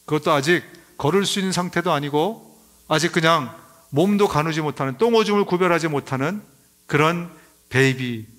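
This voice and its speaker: A middle-aged man preaching a sermon in a notably high voice. He speaks with emphatic, rising force and raises his voice further when he acts out crying babies. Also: moderate pace, a bit bright. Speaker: pastor.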